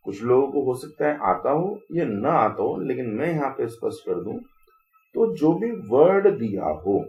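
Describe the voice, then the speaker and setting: A man's voice: mid-range voice, echoey room, dull audio. A man teaching English grammar in Hindi, explaining patiently and asking rhetorical questions. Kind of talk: Hindi classroom-style lesson.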